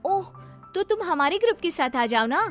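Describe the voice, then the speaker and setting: A woman's voice: very high-pitched, very animated, moderate pace, soft background music, voice pushed up. A woman voicing a friendly young woman in a cartoon who teases playfully. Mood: cheerful. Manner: friendly, teasing. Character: sweet cheerful young woman Shikha.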